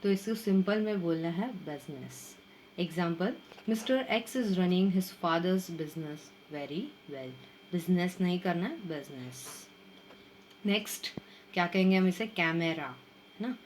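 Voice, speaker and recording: Slow, careful woman teaching pronunciation. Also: on the low side, slight background noise. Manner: slow, drawn-out repetition of model words. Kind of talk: Hindi-English mixed lesson.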